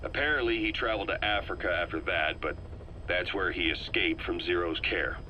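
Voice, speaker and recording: On a video game tape, a male intelligence operative who is shrewd and calculating describes a situation in a low, measured, earnest voice with sharp, forceful delivery. The audio is poor, with a faint hiss underneath.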